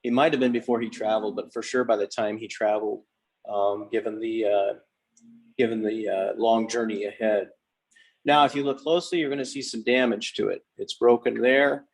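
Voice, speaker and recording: A man giving an informal guided tour inside a cathedral, explaining things reverently and haltingly, often pausing mid-sentence. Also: on the low side, fairly even intonation, poor audio.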